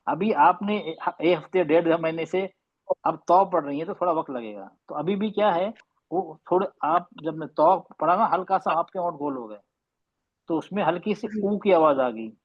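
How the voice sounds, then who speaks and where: A man teaches Quran recitation over a call, stretching sounds slowly as he corrects students. His voice sits slightly high. The audio is dull and lo-fi. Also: slightly rough. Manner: patient, slow demonstrating drills. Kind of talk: online tajweed class correction.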